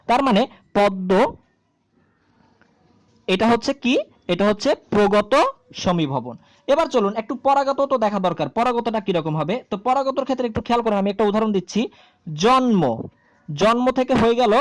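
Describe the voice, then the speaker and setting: A woman's voice: fairly high pitch, a little mellow, no room sound. A woman teaching a grammar lesson, explaining step by step at a board and asking the class rhetorical questions.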